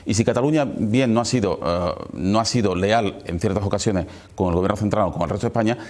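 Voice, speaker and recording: Fast-talking male interviewer. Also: fairly low pitch, darkish tone. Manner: formal address, long-winded questions. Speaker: interviewer, programme host. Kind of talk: political interview questioning.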